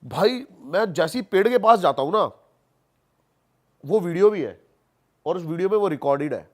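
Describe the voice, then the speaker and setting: A high-pitched, animated man speaks at a moderate pace while guesting on a podcast. He investigates haunted places and shares his stories casually and colloquially, repeating for emphasis and mixing in English.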